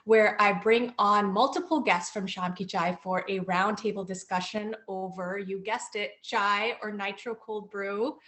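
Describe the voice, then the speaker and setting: A woman with a bright, clear voice hosts a casual roundtable. She is upbeat and chatty and greets guests warmly by name. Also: medium pitch, steady tone, unhurried, few pauses. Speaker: host. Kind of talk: casual talk-show hosting.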